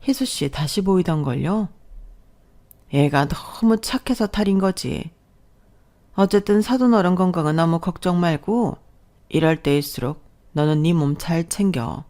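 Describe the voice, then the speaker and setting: A woman's voice: fairly low pitch, expressive, unhurried, mellow. A woman doing a doting, talkative mother-in-law. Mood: fussing.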